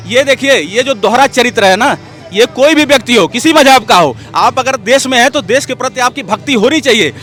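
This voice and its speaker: High-pitched, forceful combative man. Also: lively intonation, brisk. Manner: emphatic, combative, keeps saying "look" and "listen". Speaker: political commentator guest. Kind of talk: heated political interview.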